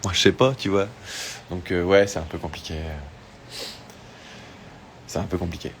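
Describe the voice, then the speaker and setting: A man's voice: deep voice, fairly even intonation, moderate pace, a little hiss or hum. A man chatting casually on a phone livestream, answering fan questions with lots of fillers and restarts. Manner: chatty, laid-back, with many fillers and restarts. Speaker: singer doing an Instagram live. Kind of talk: casual live-stream chat reading fan questions. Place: outdoors or open space in Tahiti.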